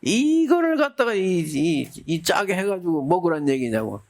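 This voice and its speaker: A man's voice: high voice, sing-song, moderate pace. A middle-aged man, a Buddhist monk, giving a dharma talk in a folksy storytelling way, acting out the people he quotes.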